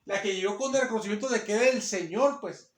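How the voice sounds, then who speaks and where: A man's voice: high-pitched, quick pace, reverberant. A man preaching a sermon to a congregation of women, fervent and repetitive, often calling them sisters. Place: church hall.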